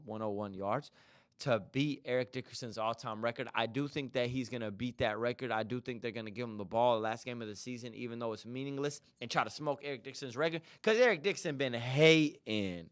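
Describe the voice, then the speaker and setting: A young man from the Dallas area, hosting a casual sports podcast in slangy, animated talk aimed straight at his listeners. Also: mid-range voice, clear, resonant tone, no room sound, clean studio sound. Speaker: podcast host.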